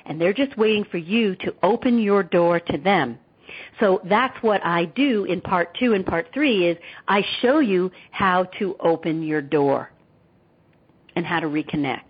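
A woman guest author telling a personal story in an interview, animated and acting out the voices she quotes, on dull lo-fi audio. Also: fairly low pitch, measured pace, husky.

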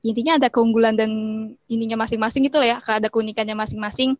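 A woman's voice: a little high, fairly even intonation, fast talker, no room sound. A young woman in casual chat, often switching into English phrases while she explains. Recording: dull, slightly muffled audio.

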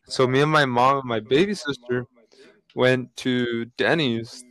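Brief: young male podcast co-host, chatty storyteller, mid-pitched. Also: a little slow, rough recording. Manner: storytelling, animated with lots of fillers. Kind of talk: casual chat.

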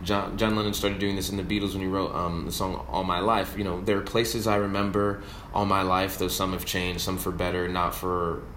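A man's voice: sits low, flat delivery, brisk, few pauses, a bit bright, a little hiss or hum. A man from New York hosting his own podcast, rambling casually and profanely about songwriting, trailing off with fillers. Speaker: podcast host streaming with a guitar. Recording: roomy echo with guitar playing. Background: acoustic guitar.

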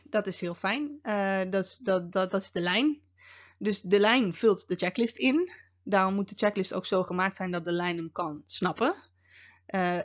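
Woman podcast host chatting, lots of uhs, mid-pitched voice, kinda dull lo-fi audio. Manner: conversational, frequent fillers, wry asides. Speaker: podcast host and security officer. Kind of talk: casual explanatory podcast talk.

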